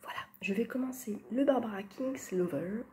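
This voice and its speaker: A woman's voice: a little high, moderate pace, warm tone, slight background noise. A woman chatting casually about books on her vlog, hesitant and full of fillers, often slipping into a near-whisper. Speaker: book vlogger. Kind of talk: casual book chat.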